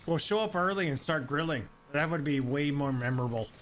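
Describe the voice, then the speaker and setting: A man's voice: fairly high pitch, fairly bright tone, slight background noise. Profane joking man gaming with a friend. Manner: profane, joking, quick to laugh. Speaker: gamer. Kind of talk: casual gaming chat. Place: Saint Louis.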